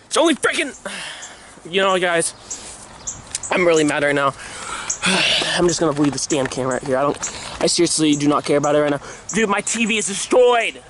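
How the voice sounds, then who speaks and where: A young man vlogging, shouting in frantic repeated bursts and going hoarse from screaming. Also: a little high, big pitch swings, fairly quick, a little hiss or hum. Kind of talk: prank vlog, yelling.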